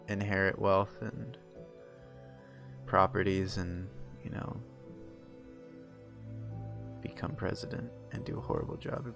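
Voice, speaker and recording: Young male streamer, casual gaming chat, low-pitched, gravelly, rambling delivery with fillers. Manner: rambling, many fillers and restarts.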